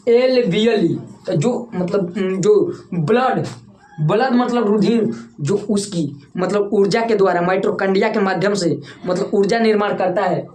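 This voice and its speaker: A woman's voice: mid-range voice, normal speed, a little mellow. A woman with a Bhojpuri-tinged Hindi accent, teaching a classroom lecture. She repeats key terms and keeps asking the students to say them back. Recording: echoey room with faint background noise.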